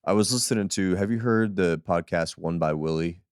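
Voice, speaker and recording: A man's voice: low-pitched, fairly quick, a little mellow, clear, resonant tone, no echo, clean studio sound. A man hosting a podcast, chatting in an easygoing, enthusiastic way with plenty of fillers. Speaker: podcast host. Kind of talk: casual interview chat.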